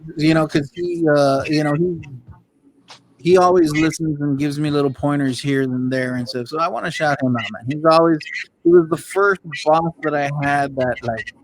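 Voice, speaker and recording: A man hosting an online radio show, talking casually in chummy street slang and giving shout-outs. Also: a little high, normal speed, rough recording. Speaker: show host.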